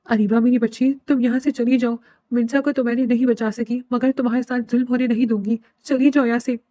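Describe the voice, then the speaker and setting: A woman's voice: fairly high pitch, flat delivery, dark tone, dry recording, lightly acted. A woman voicing a middle-aged mother who urgently begs her daughter to flee. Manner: urgent, pleading.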